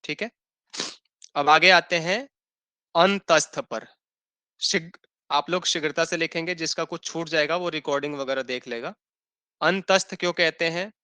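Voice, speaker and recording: Man teaching a class online, bright crisp voice, dry close sound, says everything twice so folks can write it down. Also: fairly high pitch, no room sound. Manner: patient, repeats points slowly for note-taking; checks in with "thik hai" and "hai na". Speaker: Sanskrit teacher. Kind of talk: online class lecture, dictating definitions.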